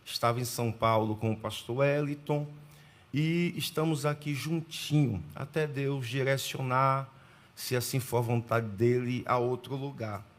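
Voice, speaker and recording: Male guest preacher, from Pernambuco, formal delivery, measured pauses, scripture reading, church sanctuary. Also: medium pitch. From Pernambuco, Brazil.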